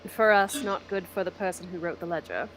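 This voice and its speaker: A woman voicing a composed, shrewd male spymaster in a tabletop game, measured and businesslike. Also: lowish voice, a bit bright, slight background noise, natural voice, poor audio. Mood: dry, businesslike.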